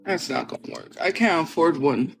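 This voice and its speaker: A woman's voice: deep voice, normal speed. A woman streamer chatting casually with her viewers and reacting to their comments. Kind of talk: casual livestream chat.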